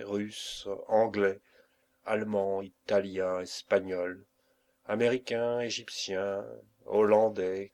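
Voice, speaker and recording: A man narrating a classic novel as a volunteer audiobook reader, with measured, dramatic phrasing. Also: on the low side, a little mellow.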